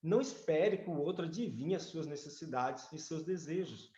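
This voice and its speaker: Calm Brazilian man co-hosting. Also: a little high, moderate pace. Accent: Brazilian Portuguese. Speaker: co-host of a couples mentoring session. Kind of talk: reading and commenting in a couples workshop. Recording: echoey room, dull lo-fi sound.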